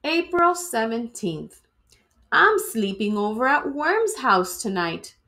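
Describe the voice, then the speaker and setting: Her voice a little high and her pace slow, a woman dramatically reads a children's storybook aloud. The expressive delivery recalls a teacher reading to students.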